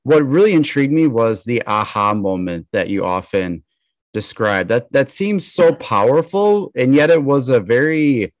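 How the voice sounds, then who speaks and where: A man hosting a podcast, earnest and measured, a bit halting when asking questions. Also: mid-range voice, lively intonation. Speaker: podcast host. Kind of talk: podcast intro and interview.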